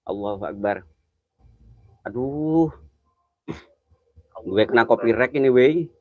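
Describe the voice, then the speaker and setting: The sound is phone-quality with no echo, carrying a man's medium-pitched, expressive voice at a slow pace. He's a livestream host on a ghost hunt near an old well at night, nervously chatting, naming viewers, and jumping at things with startled exclamations.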